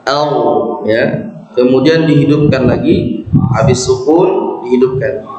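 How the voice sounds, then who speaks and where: Man, Indonesian accent, recitation teacher, slow careful delivery, echoey mosque hall, dull recording. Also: medium pitch. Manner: patient, corrective, repeats sounds one by one. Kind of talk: tajwid lesson, modeling slow sung recitation.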